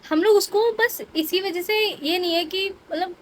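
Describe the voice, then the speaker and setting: High-voiced chatty woman vlogger. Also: a little slow, a little hiss or hum, low-quality recording. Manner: chatty, rambling, defensive explaining. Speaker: family vlogger. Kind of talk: casual vlog talk to camera.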